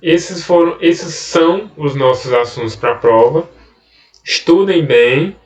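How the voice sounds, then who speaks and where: A man's voice: a little high, slow, reverberant, recorded from a distance, faint music behind. Brazilian male teacher explaining grammar. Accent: Brazilian Portuguese. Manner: explanatory, often adding "né?" and "tá?". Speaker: Portuguese teacher. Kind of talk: recorded online grammar lesson.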